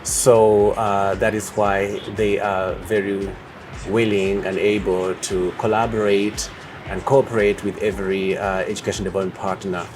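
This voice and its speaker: A man from Uganda answering interview questions as a project leader, speaking in a measured way with many pauses and fillers. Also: fairly low pitch, little pitch movement, background noise.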